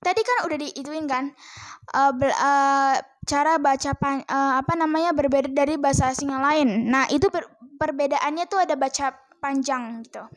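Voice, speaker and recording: A woman's voice: sits high, moderate pace, no echo. A woman giving a casual lesson from a book, chatty and hesitant with many fillers. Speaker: self-taught language learner teaching viewers.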